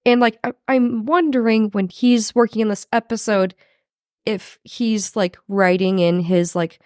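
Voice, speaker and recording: Hoarse, animated woman podcast co-host. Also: unhurried, no room sound, studio quality. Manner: animated, swearing, fillers, jumps high when excited. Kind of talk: casual chat.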